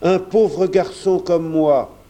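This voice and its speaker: A man's voice: high voice, slow, warm tone, pitched above the performer's own voice. A man reading aloud and voicing a humble young café waiter, hesitant and modest.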